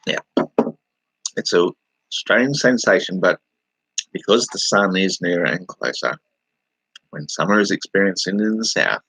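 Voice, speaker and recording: A man's voice: sits low, fairly bright tone, slightly rough, dry recording, low-quality recording. An Australian man rambling casually on a livestream, answering viewers and laughing as he talks. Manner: rambling, laughing, talking back to chat.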